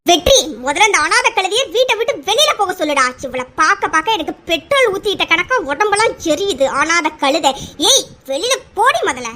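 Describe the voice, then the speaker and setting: Woman doing a bright, cruel old grandmother. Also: very high-pitched, sing-song, exaggerated voice. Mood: scolding. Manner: harsh, taunting, drawn-out scolding. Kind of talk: cartoon serial voice acting.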